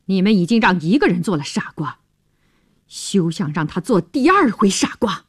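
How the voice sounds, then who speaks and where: A woman voicing an angry young man who bitterly confronts his sister in a told story, her voice climbing and getting louder as he accuses. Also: medium pitch, sing-song, normal speed, slightly rough, no echo, clean studio sound.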